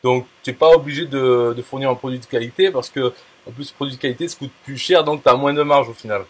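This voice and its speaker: An affiliate marketer talks casually to a viewer, his mid-range voice slightly rough and fast. He's blunt, full of fillers, restarts and crude slang.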